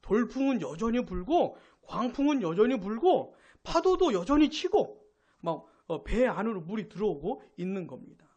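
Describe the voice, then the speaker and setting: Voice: mid-range voice, normal speed, muffled recording. A pastor preaching a Sunday sermon, asking the congregation questions and acting out quoted speech. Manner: animated, asks the congregation questions.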